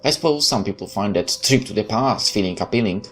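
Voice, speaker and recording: A man's voice: on the low side, animated, brisk, fairly bright tone, a little hiss or hum. A man playing through a game, reading its text aloud and adding sarcastic asides. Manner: sarcastic, interjecting quips. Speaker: let's player.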